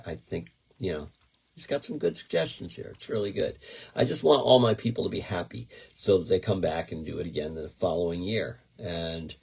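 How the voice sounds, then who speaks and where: A middle-aged man with a very low, husky voice, talking in a loose, rambling way as host of a casual chat show. He circles back and restarts his sentences, keeping an unhurried, easygoing tone throughout. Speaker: podcast host and event promoter.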